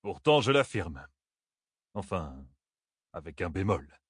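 A man voicing a weathered, wary older woodsman who talks low and wryly. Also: big pitch swings, slow pace, breathy edge, no echo, studio quality, exaggerated voice. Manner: low, muttering, wry.

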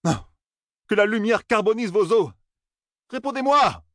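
A man's voice: high voice, expressive, a little slow, no room sound, voice pushed up. A man voicing a brash, angry young man who curses and demands answers, in a dry, close audiobook reading. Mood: angry demanding. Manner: shouting, exasperated.

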